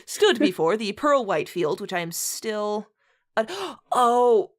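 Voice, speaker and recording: A woman hosts and reads in a comedic read-aloud mixed with casual chat. Her medium-pitched voice is slow with lively intonation, and she's giggly, often breaking into laughter while talking.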